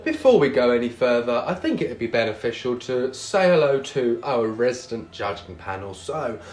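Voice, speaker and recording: A man's voice: mid-range voice, very animated, normal speed, a little mellow. A man hosting a show as a drag queen, with a camp, cheeky, theatrical manner. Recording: roomy echo on the voice.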